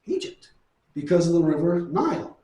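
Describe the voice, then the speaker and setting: Middle-aged guy from new mexico doing a chatty bible lesson, fairly high voice, echoey room. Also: very animated, normal speed, dark tone. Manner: folksy, storytelling, asks and answers his own questions. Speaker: Bible teacher. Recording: echoey room, far from mic.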